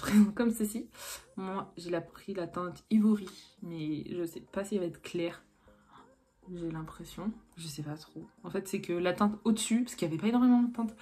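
A young French beauty vlogger chats casually through a makeup tutorial, filling her talk with fillers, restarts, and self-corrections. Her mid-range voice is a little mellow, and faint music plays in the background.

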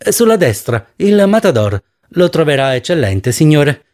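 A prim male hotel clerk answers with stiff, formal politeness, as a man reading the story puts him on. His voice sits a little high and rises with disapproval. A storybook desk clerk guarding his hotel's morals. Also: big pitch swings, moderate pace, a little mellow.

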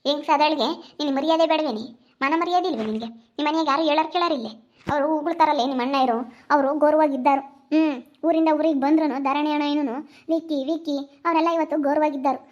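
Brief: sharp-tongued village mother, played by a woman, very high pitch, rapid rural Chitradurga Kannada, muffled recording. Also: steady tone, natural voice. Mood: scolding. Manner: scolding, rapid and shrill.

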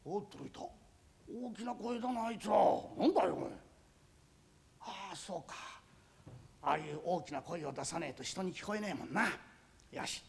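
A man playing a naive young master turned peddler with an Edo Tokyo accent, muttering to himself and stammering through long drawn-out vendor cries. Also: high voice, lively intonation, gravelly. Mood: rehearsing. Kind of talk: rakugo storytelling.

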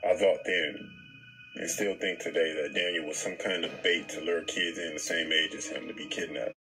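A man reading a scripted horror story in a calm, even storytelling manner. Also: sits low, moderate pace, poor audio. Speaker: story narrator. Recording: narration with background music. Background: music.

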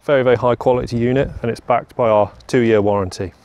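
A young man with a medium-pitched, slightly mellow voice talks fast in a fairly even tone. Standing on a lawn outdoors, he gives a plain, practical walkaround demo of a farm machine as a product presenter, often repeating "very, very."

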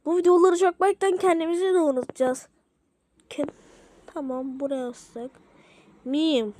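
A woman casually reacting to short videos, rambling and excitable, swearing often. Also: sits high, normal speed, a little hiss or hum.

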